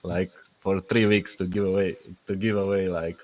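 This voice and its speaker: A man's voice: deep voice, level tone, normal speed, a little mellow, highs cut off. A man speaking on a group voice chat, hesitant, with many fillers and small laughs. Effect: group voice chat audio. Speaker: participant presenting a post. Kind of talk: casual voice-chat talk.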